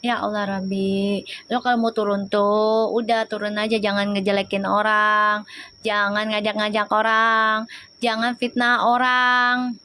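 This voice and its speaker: A woman's voice: mid-range voice, little pitch movement, a little slow, bright, forceful tone, clean tone. A woman gives a casual live tarot reading, chatty and teasing and often breaking into laughter. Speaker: tarot reader on a live stream.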